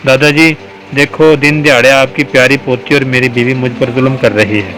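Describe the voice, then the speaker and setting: A man's voice: medium pitch, fairly even intonation, a bit bright, slight background noise, natural voice, low-quality recording. A man reading aloud the lines of a playful, mock-dramatic young husband in a storybook. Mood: teasing.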